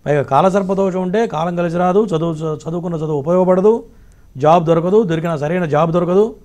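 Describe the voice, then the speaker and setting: A male astrologer with a high voice and a rapid, clipped delivery. He lectures callers bluntly and tells them what to do. He speaks in a call-in advice format. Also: a little mellow.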